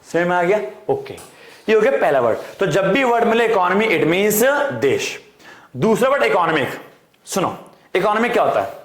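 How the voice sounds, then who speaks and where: Brief: male teacher, fairly high voice, drills students with repetition, echoey room. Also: big pitch swings, moderate pace. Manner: repetitive call-and-response drilling, addresses students as "beta". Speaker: economics teacher. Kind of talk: online class lecture.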